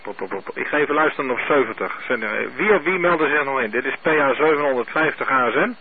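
A man running an amateur radio net, heard over a two-way radio link, speaking in a steady, methodical way and spelling out call signs. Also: medium pitch, quick pace. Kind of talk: radio net check-ins. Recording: narrow tinny radio with faint hiss.

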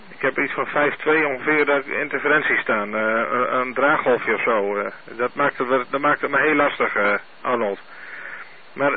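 A man running an amateur radio net, heard over a two-way radio link, speaking in a steady, methodical way and spelling out call signs. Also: mid-range voice. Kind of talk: radio net check-ins. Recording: narrow tinny radio with faint hiss.

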